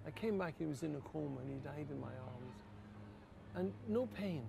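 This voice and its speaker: An older Irish priest with a deeply gravelly, fry-laden voice tells personal stories in an interview. He speaks earnestly and quietly, with a faint hiss of room noise behind him. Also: moderate pace. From Ireland. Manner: earnest, quietly emotional, rises to lively laughter. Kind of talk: reflective personal storytelling in an interview.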